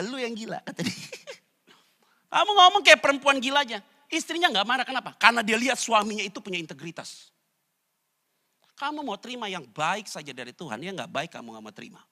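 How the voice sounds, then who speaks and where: Male pastor, bright edgy voice, animated sermon, playful slang. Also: a little high. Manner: animated, jumps into loud character voices. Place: church online service.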